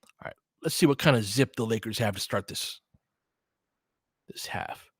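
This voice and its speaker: Speaking at a moderate pace in a fairly low, slightly rough voice, a man hosts a basketball audio show with loose play-by-play. His talk with listeners is casual, slangy and opinionated, captured in a dry, clean studio recording.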